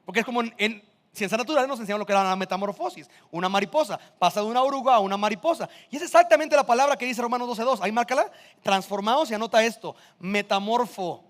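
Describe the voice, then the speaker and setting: A man's voice: sits high, fast, long reverb tail. A man, preaching a sermon in a casual, conversational way full of rhetorical questions. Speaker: pastor.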